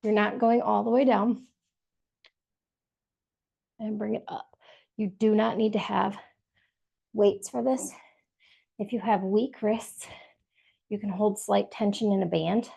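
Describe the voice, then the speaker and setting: A woman's voice: mid-range voice, steady tone, slow pace, creaky, pauses often, warm tone, slightly rough. A woman leading a workout over a video call, giving encouraging step-by-step cues while she exercises. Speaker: fitness instructor. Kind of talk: live workout instruction.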